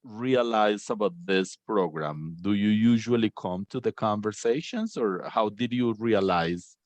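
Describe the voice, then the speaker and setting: Low-voiced man hosting a talk. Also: measured pace, darkish tone, no room sound. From Colombia. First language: Spanish. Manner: friendly, filler-heavy, asks questions. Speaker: host of a language conversation session. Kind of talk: moderating a video-call discussion.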